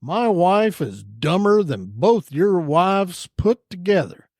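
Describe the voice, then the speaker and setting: Man doing a hillbilly voice: slow, drawled, folksy, rather high-pitched. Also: very animated, darkish tone, no echo, clean studio sound, heavily acted. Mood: drawling. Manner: slow, drawn-out folksy delivery.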